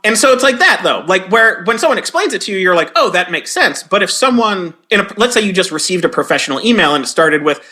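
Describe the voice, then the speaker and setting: A man's voice: high-pitched, big pitch swings, fast talker, hardly any pauses, sharp tone. A man in his forties being interviewed, telling stories and acting out quoted lines in a raised voice. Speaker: guest, game localizer and comedy writer. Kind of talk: conversational interview storytelling.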